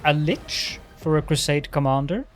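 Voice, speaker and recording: A man's voice: a little high, very animated, normal speed, vocal fry, faint music behind. Man voicing a mocking, theatrical aristocratic dandy. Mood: teasing.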